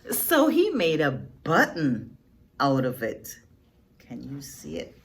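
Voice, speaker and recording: Reading a picture book aloud to little kids, a woman with a deep, gravelly voice sounds expressive and teacherly, pausing for effect and quizzing her audience.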